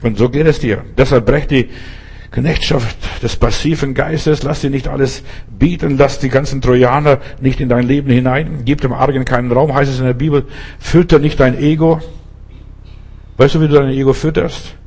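A man's voice: mid-range voice, steady tone, moderate pace, a little mellow, breathy edge. A male preacher giving an emphatic sermon, speaking straight to the listener with pointed rhetorical questions.

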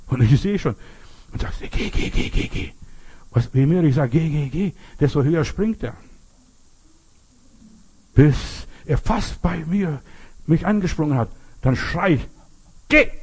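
Husky older man preaching with folksy stories. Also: on the high side, dark tone. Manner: folksy storytelling, rhetorical questions, repeats "verstehst du". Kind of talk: sermon.

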